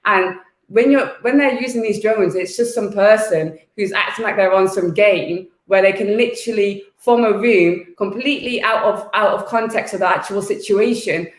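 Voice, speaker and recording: A woman's voice: mid-range voice, moderate pace, echoey room. A woman activist raised in the UK, talking fervently and bluntly as a guest in an interview, repeating words as she presses her points. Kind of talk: impassioned interview talk.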